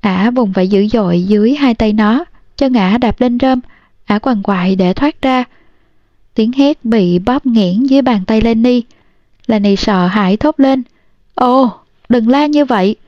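A woman's voice: a little high, measured pace, no echo. Woman narrating a novel, dull dry audio. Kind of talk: storybook narration.

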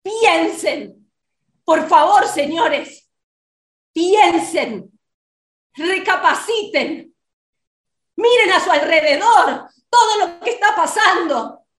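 A woman's voice: extremely high pitch, animated, slow pace, pauses often, a bit bright, roomy sound. A woman with an Argentine accent ranting in an indignant, scolding tone in a comic sketch.

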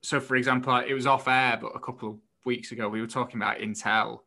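A man's voice: mid-range voice, level tone, fast, sharp tone. A man co-hosting a podcast, explaining things in casual, somewhat tentative conversation. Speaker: podcast co-host reviewing a book.

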